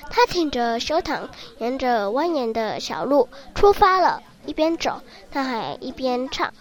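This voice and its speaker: A woman narrating a children's story in a lively, expressive way. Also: high voice, unhurried.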